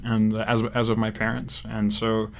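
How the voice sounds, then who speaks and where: Young guy grew up in africa, low steady voice, rambly with lots of uh's, studio interview. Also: normal speed, gravelly, a little hiss or hum. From Zimbabwe and Kenya. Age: young adult. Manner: relaxed, rambling with fillers. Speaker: guest, graduate student. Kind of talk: casual interview. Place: radio studio.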